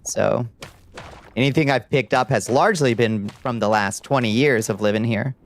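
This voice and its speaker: This middle-aged streamer, an American with a light Southern twang from Georgia, keeps up a wry, laid-back conversation with chat as he plays. His voice is medium in pitch and his speed normal.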